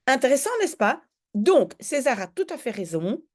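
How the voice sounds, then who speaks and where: A woman's voice: high voice, big pitch swings, moderate pace, darkish tone. A woman giving an informal video lesson on Dutch grammar, explaining step by step and checking in with the viewer. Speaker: Dutch language tutor.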